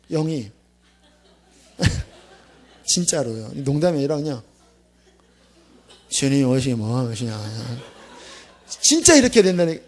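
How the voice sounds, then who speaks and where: A man preaching a sermon as pastor, talking in a lively, conversational way that swings between loud bursts and hushed asides. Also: high-pitched, gravelly. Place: church sanctuary.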